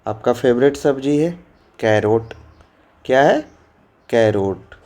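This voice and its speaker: Slow, lively male teacher, mellow tone. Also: mid-range voice. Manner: slow, questioning, repeats answers for young students. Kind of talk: exam-prep lesson for children.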